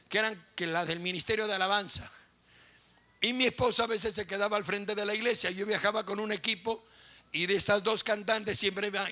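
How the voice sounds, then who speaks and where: A man's voice: sits high, pushed and bright. A man preaching a sermon as pastor, impassioned and repetitive, telling stories vividly.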